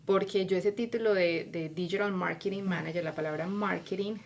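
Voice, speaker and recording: A woman's voice: lowish voice, fairly even intonation, a little fast, vocal fry, a little hiss or hum. A woman from Colombia with a Colombian accent, a podcast guest telling her life story animatedly and acting out her own inner voice. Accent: Colombian Spanish. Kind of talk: casual interview conversation.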